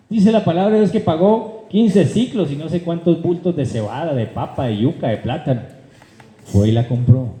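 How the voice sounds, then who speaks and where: A male pastor, his voice sitting a little high with a mellow, soft edge. He preaches with fervor, shouting some lines and murmuring others, and keeps questioning the congregation. The sound rings around an echoey church hall. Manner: animated preaching, swings from loud high calls to low asides; addresses the congregation directly, asks rhetorical questions. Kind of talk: sermon.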